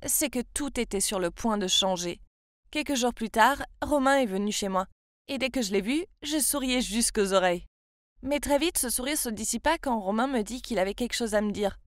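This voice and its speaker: Young woman narrating, fairly high voice. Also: no room sound, clean studio sound. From France. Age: 20s. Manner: confiding, chatty storytelling. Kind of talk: scripted first-person story narration.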